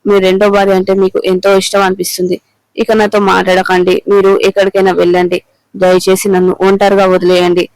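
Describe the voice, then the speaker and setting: A man reading the lines of an angry middle-aged wife who accuses her husband of betrayal, in an even, clear voice. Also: mid-range voice, brisk, dry recording, natural voice, low-quality recording. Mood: accusing. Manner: accusing, bitter.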